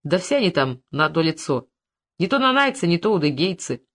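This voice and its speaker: A reader voicing an evasive rural man caught out, answering tersely in a lowered, reluctant voice. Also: very animated, brisk, fairly bright tone.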